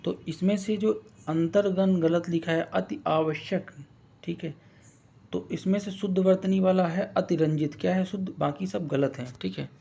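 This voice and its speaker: A man runs a casual exam-prep lesson, often asking his viewers questions and drawing words out slowly to spell them. His voice sits a bit high and has a gravelly edge. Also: steady tone, warm tone. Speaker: online exam-prep teacher.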